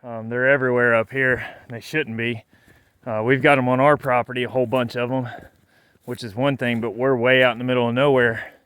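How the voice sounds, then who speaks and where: A man's voice: mid-range voice, level tone, brisk, fairly bright tone, smooth, no echo, clean studio sound. A man vlogging on a snowy mountain trail while hiking, a bit out of breath, talking in an easygoing, rambling way full of fillers. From Virginia. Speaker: vlogger hiking with his son. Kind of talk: casual hiking vlog narration.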